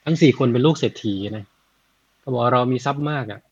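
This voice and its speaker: Male Dharma storyteller, chatty and unhurried, husky tone, dry muffled recording. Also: mid-range voice. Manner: chatty, frequent "na" tags, thinks aloud with math. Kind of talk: casual Buddhist storytelling.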